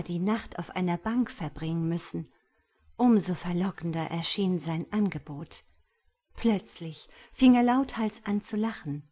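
Female audiobook narrator, calm, measured, breathy tone, lower pitch. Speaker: audiobook reader.

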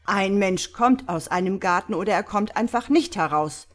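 A brisk male doctor fires off pointed questions, his patience wearing thin, as a woman puts him on. The voice is sharp and pushy and quick to anger. It sounds like a storybook skeptic losing his temper. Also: lowish voice, animated. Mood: impatient.

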